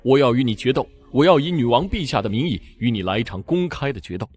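A man voicing an arrogant, hot-tempered British general, shouting in a raised, furious voice. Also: medium pitch, expressive, fast talker, slightly rough.

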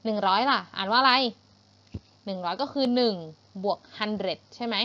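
A woman with a Thai accent teaching English to young pupils, patient and repeating each word slowly for pronunciation. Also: medium pitch, sharp tone, dull audio. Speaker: primary school English teacher. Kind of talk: online English lesson for children.

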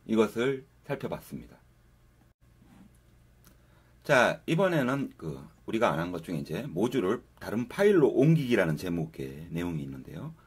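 A programming instructor with a lowish, husky, sing-song voice talks at a normal pace through a relaxed coding tutorial. Over a screen recording, he guides viewers through every step.

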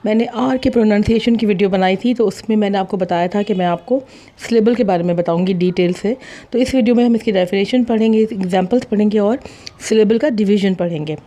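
A woman teaching an English lesson in a mellow, relaxed voice. She talks at an even pitch and stretches out each example word slowly so every sound is clear. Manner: slow, drawn-out pronunciation of example words. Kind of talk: explaining a lesson in Hindi and English.

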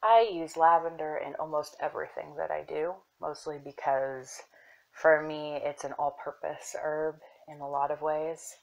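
A young woman casually showing her herb collection, soft-spoken and unhurried, with fillers and self-corrections that sometimes drop into a whisper. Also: low voice, fairly even intonation, creaky, poor audio. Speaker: apothecary shop owner. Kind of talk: casual show-and-tell.

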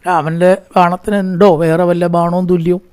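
A man giving a scripture discourse who chants verses slowly, then explains them in quick conversational talk and asks himself rhetorical questions. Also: high voice, flat delivery, a little mellow, clean tone, no echo. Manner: asks and answers his own rhetorical questions. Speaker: religious storyteller.

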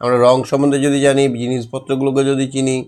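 A man's voice: medium pitch, monotone, quick pace, darkish tone, clean tone. Patient man spelling words for children. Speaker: primary school teacher. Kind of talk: homework lesson for young children.

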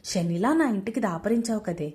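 A woman voicing a sharp-tongued middle-aged mother-in-law who scolds loudly and taunts. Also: mid-range voice, expressive, normal speed, lightly acted. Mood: scolding. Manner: loud and taunting.

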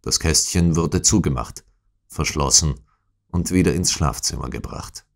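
A man narrating a classic detective story in a measured, deliberate storytelling manner. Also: rumbling low. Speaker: audiobook narrator. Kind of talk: scripted narration.

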